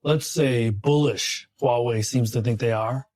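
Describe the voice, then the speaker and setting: Chatty host who jumps in. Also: male voice, medium pitch, a little slow, a little mellow. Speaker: podcast host. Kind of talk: casual roundtable discussion.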